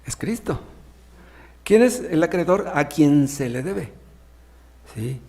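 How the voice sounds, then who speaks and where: A man's voice: fairly high pitch, expressive, slow, mellow. A man preaching a sermon, reading Bible passages aloud and explaining them in plain words with rhetorical questions. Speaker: pastor.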